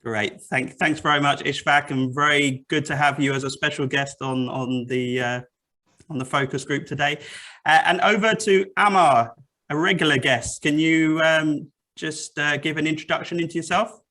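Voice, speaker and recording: A man's voice: on the high side, fairly even intonation, moderate pace. A man hosting an online investing panel from an office, talking in a friendly way with many fillers. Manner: friendly, filler-heavy, bright. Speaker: forum host. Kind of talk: video call panel moderation. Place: office room.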